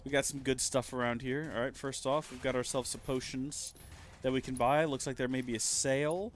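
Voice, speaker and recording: A man's voice: mid-range voice, fairly even intonation, brisk, a little hiss or hum. A man giving casual, jokey gameplay commentary as a streamer, thinking aloud as he plays. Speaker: game streamer.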